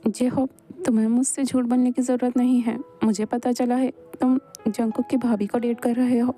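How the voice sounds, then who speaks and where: A fatherly elder brother gives gentle, measured advice in a very mellow, dark-toned voice, voiced by a woman. It is a homemade Hindi fan voice-over dub with faint music behind. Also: a little high, level tone, natural voice. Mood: concerned.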